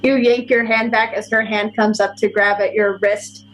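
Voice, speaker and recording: A woman acting as game master, narrating a tabletop game in a measured, descriptive way. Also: mid-range voice, little pitch movement, low-quality recording.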